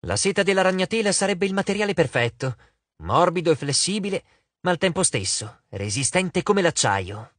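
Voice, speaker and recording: A man narrating an audiobook with a lively, theatrical delivery. His voice is fairly high and rises and falls a lot. The sound is close and dry. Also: moderate pace, dry recording. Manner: expressive, theatrical reading. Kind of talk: scripted narration.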